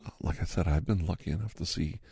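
A man playing a gravelly fifty-something doctor in whispered role-play. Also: sits low, fast talker, dark tone, no room sound, heavily acted. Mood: chatty. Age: 50s. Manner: rambling, easygoing, half-whispered. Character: chatty fifty-something male doctor giving a massage. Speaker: ASMR host.

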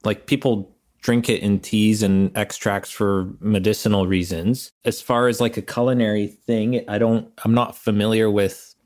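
A man's voice: lowish voice, level tone, normal speed, few pauses, darkish tone. A man on a casual podcast from home over a remote call, describing the taste of a beer and hedging as he goes. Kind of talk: casual chat.

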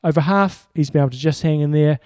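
A male podcast co-host talking sport in a casual, matter-of-fact way. His voice sits a little high for a man yet stays relaxed and mellow. The sound is close and dry. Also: fast talker, clean tone, dry recording.

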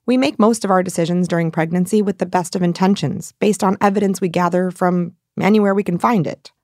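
A woman hosting a podcast, giving brief affirmations and measured narration. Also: lowish voice, fairly even intonation, darkish tone, no room sound, clean studio sound. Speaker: podcast host. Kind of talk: narration and listening.

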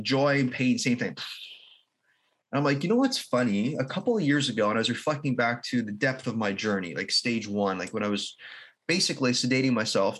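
Husky-voiced man telling a personal story. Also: medium pitch. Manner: earnest, halting, with restarts and soft laughs. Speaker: podcast guest. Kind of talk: reflective personal storytelling in an interview.

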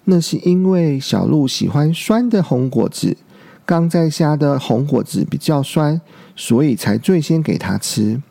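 Brief: tender dinosaur dad from a storybook, slow, dark gravelly voice, soothing, a man acting it. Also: fairly high pitch, animated, exaggerated voice. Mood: reassuring. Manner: soothing, fatherly. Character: doting father tyrannosaurus, gentle and caring.

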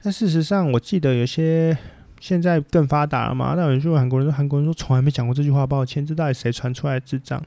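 A man's voice: on the high side, quick pace, dark tone, no room sound. A man with a Taiwanese Mandarin accent talking as a podcast host, rambling bluntly through a casual opinion chat and swearing freely.

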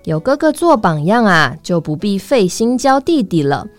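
A woman reading a children's story aloud in an expressive, sing-song storytelling manner. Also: medium pitch, moderate pace. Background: faint music.

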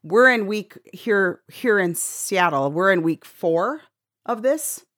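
A middle-aged woman co-hosting a casual podcast chat, animated, laughing a lot and swearing freely. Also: mid-range voice, slow pace, no echo, studio quality. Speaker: co-host.

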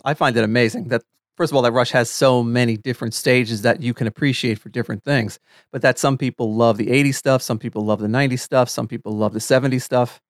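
A man co-hosting a fan podcast, chatty and quick to laugh. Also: medium pitch, dry recording, studio quality. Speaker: podcast co-host. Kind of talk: casual podcast chat.

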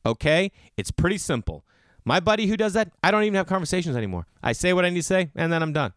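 Male solo podcaster, casual and opinionated ranter. Lively, wide-ranging delivery, emphatic bro slang and cursing, recorded dry. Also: high voice, quick pace, no room sound. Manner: swearing, bro-style slang; rhetorical questions answered by himself. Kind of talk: casual ranting monologue. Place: garage.

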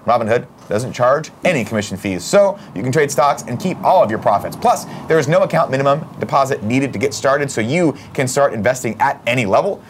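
A man's voice: mid-range voice, lively intonation, a little fast, hardly any pauses, slight background noise. A man co-hosting a comedy podcast, joking around and reading sponsor ads in a hammy announcer manner. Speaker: podcast co-host. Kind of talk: casual chat and live-read ads.

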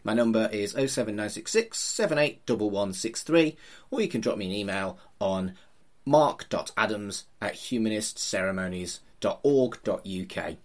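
Middle-aged man, very lively intonation. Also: fairly low pitch, moderate pace. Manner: informal, teasing. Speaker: podcast host, funeral celebrant. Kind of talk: chatty podcast interview.

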